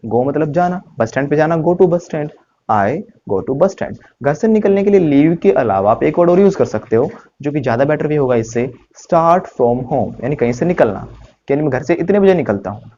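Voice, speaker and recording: A man's voice: fairly high pitch, animated, normal speed, warm tone, muffled recording, a little hiss or hum. A male English teacher giving a spoken lesson, explaining phrases step by step, repeating them and asking the class questions.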